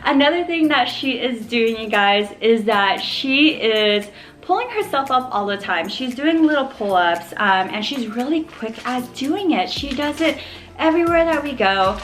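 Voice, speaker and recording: A woman's voice: on the high side, lively intonation, unhurried. A young woman vlogging a cheerful update about her baby at home, chatty and upbeat, sometimes mimicking baby sounds. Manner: chatty, upbeat, addresses viewers as you guys. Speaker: mom vlogger. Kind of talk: casual baby update vlog. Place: home living room.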